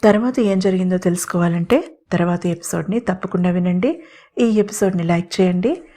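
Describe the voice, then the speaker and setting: A woman storyteller giving steady, expressive scripted narration of a romantic audio serial. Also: fairly low pitch, a little fast.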